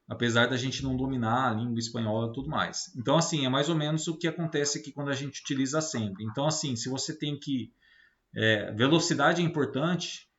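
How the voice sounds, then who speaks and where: The speaker is a Brazilian man whose medium-pitched voice is a bit bright, giving an informal technical lecture as a teacher. He teaches in a didactic way, peppering his explanations with short tag questions that check understanding and invite agreement. It was recorded in a roomy space with slightly muffled, lo-fi sound.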